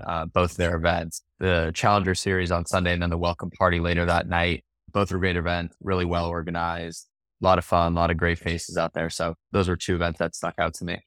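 Man, deep voice, flat intonation, slightly sore throat, casual interview talk, from Canada. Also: no room sound, studio quality. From Winnipeg, Canada. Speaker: podcast guest, startup founder.

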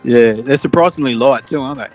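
Medium-pitched man in casual, easygoing chat. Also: fast talker, a little mellow, soft background music. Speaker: fishing podcast co-host.

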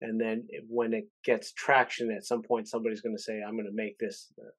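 A man's voice: on the low side, level tone, brisk. A man hosting a podcast interview, who talks casually and often hesitates, stammering and restarting as he works out his questions. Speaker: podcast host.

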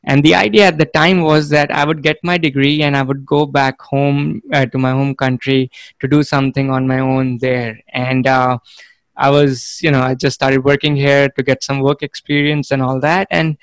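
Flat-toned man. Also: medium pitch, no echo. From India. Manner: measured, frequent fillers. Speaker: guest, real estate fund manager. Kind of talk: conversational interview.

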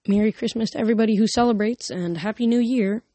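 A man's voice: sits high, fast, mellow, no echo. A young man reading a novel aloud, with casual, slightly rambling asides between chapters. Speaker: reader of a novel.

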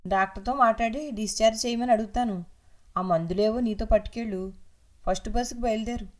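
A woman's voice: on the high side, a little fast, voice pushed up, natural voice. A woman voicing a young husband who speaks brusquely and grumbles in an audio novel. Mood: curt. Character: young husband, curt and irritable.

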